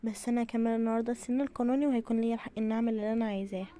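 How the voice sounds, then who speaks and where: A sheltered teenage girl with an Egyptian lilt, voiced by a woman rushes her words along in a game role-play. Her tone is mellow and a little dark, and she keeps talking herself through what to do. She is insistent and stubborn with her mother. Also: a little high, fairly even intonation, close to an everyday voice. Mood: eager. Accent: Egyptian Arabic. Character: teen girl kept indoors, eager, then frightened.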